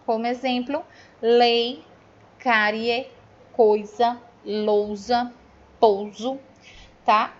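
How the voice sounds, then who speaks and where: A woman's voice: on the high side, steady tone, extremely slow, pauses often. A Brazilian woman teacher going over grammar in a recorded review lesson, explaining step by step and checking in with her students. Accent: Brazilian Portuguese. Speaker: Portuguese teacher. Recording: dull lo-fi audio.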